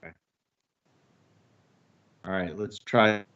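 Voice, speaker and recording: A man serving as an appellate justice, asking questions over a video call whose audio keeps breaking up and freezing. He talks haltingly, in stop-start phrases. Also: on the low side, fairly even intonation, a bit bright, smooth, muffled recording.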